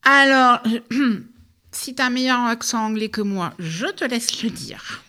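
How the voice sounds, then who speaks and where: Chatty woman radio host, higher voice. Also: animated, takes it slowly, sharp tone. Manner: informal, chatty, self-deprecating. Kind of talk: casual radio hosting.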